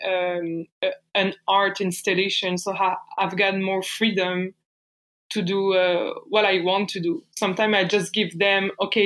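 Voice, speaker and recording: French lady talking about her art, slow and halting, lots of ums. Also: medium pitch, fairly bright tone, rough recording. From France. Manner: hesitant, many fillers and restarts. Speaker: paper artist guest. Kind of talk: casual interview answers.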